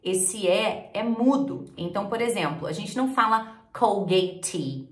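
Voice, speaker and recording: A woman from Brazil teaching English pronunciation, repeating each word slowly and clearly. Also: medium pitch, echoey room. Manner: repeats words slowly and clearly, lively explaining. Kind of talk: pronunciation lesson.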